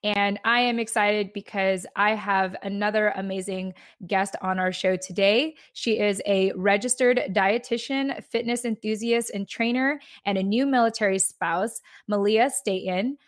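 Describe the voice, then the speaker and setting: A woman's voice: medium pitch, fairly even intonation, measured pace, hardly any pauses, no echo, studio quality. A woman in her thirties hosting a podcast, chatting in an upbeat, talkative way with frequent restarts. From United States. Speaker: podcast host. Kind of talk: casual interview chat.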